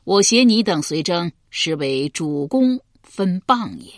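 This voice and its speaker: A woman's voice: on the low side, very animated, slow pace, no echo, studio quality, exaggerated voice. A woman voicing a confident, worldly male chancellor who speaks earnestly and candidly.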